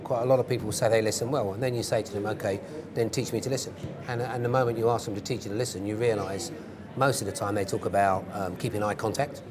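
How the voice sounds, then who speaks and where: A British man in his fifties speaks quickly as an interview guest, explaining in an instructive way. His pitch is ordinary for a man and he stresses points by repeating them. A clear murmur of a crowd sits behind him. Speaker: interview guest, former police hostage negotiator. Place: indoor event interview stage.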